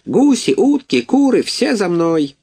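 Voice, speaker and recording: A man voicing a bossy, hot-tempered gander who hisses and shouts orders. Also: deep voice, takes it slowly. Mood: commanding. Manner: hissing threats, commanding shouts.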